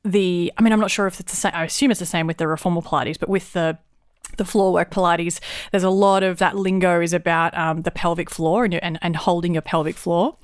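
A woman's voice: on the low side, fairly quick, clear, resonant tone, no echo. Australian woman in her thirties, chatty storyteller, close dry sound. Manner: lively storyteller, laughs often. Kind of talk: casual chat.

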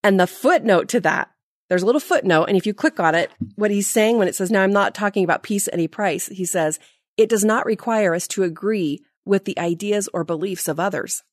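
A woman's voice: medium pitch, fairly quick, no room sound, clean studio sound. A woman in her forties, a podcast guest telling stories in casual chat, laughing at herself. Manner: animated, self-mocking storyteller who laughs at herself.

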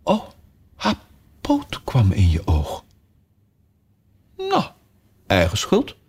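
A man's voice: deep voice, big pitch swings, normal speed, gravelly, darkish tone, husky, full character voice. A man reading a storybook, voicing the young girl Alice as she chatters and scolds her kitten in a motherly way. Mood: playfully scolding. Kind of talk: storybook character voice.

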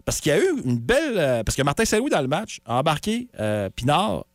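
A woman's voice: deep voice, very animated, dry recording. A woman with a Quebec French accent, a morning radio co-host giving a chatty sports report with frequent fillers, speaking into a studio microphone. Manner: brisk, chatty, stumbles with fillers.

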